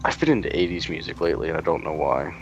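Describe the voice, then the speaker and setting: A man's voice: extremely low pitch, rapid-fire, highs cut off, music in the background. A young man hosting a let's play, chatting casually in a rambling way with lots of fillers and crude jokes. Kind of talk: casual chat while gaming.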